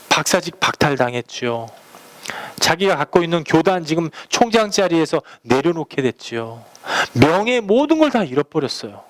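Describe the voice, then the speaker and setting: A man pastoring a church, preaching a sermon through personal stories told in a conversational way, acting out the phone calls he describes. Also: fairly high pitch. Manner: conversational storytelling, acts out quoted phone calls.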